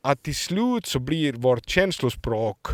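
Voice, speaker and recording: A man's voice: medium pitch, very animated, dry recording. Finland-Swedish man musing aloud, dry sound. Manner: thinking aloud, searching for words, playful. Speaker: podcast co-host. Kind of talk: casual chat.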